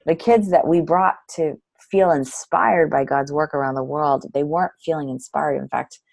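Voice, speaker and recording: A woman's voice: deep voice, normal speed, creaky, darkish tone, dry recording, low-quality recording. A middle-aged woman, a nonprofit director, telling her story earnestly as an interview guest.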